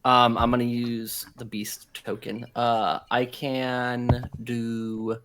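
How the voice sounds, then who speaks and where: A man playing a tabletop game, talking casually and haltingly as he thinks aloud. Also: medium pitch, level tone, a bit bright, slight background noise.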